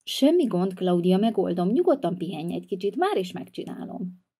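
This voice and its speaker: A woman voicing a calm reliable handyman. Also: fairly low pitch, slightly rough, heavily acted. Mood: reassuring. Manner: calm and reassuring. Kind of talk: toy-figure video voice acting.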